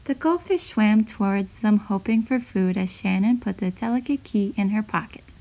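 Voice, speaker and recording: A woman reading her own children's picture book aloud in a gentle, clear, even storytelling voice. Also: mid-range voice, normal speed, rough recording. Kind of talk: storybook read-aloud narration.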